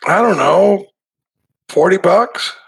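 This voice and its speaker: An older man in his sixties playing a dry, laconic old male farmer in a told joke, with a gravelly, husky voice. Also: high voice, expressive, slow, voice pushed up, full character voice. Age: 60s.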